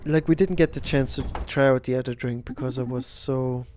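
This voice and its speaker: A man's voice: medium pitch, fairly even intonation, fairly quick, darkish tone, slight background noise. A man hosting a casual let's-play, thinking aloud and chatting as he plays. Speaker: gaming video host. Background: guitar music.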